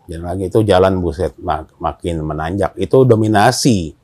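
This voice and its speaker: A man's voice: low voice, moderate pace, no echo. A man telling a story in casual chat, acting out the dialogue in slang. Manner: animated, acts out dialogue in slang. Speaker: storyteller guest.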